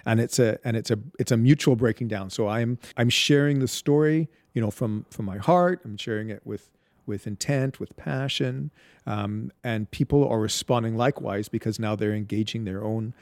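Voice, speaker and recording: A man's voice: mid-range voice, moderate pace, darkish tone, no room sound, clean studio sound. A man from Barbados, a guest talking about his Bible storytelling in a reflective interview, with many restarts and fillers.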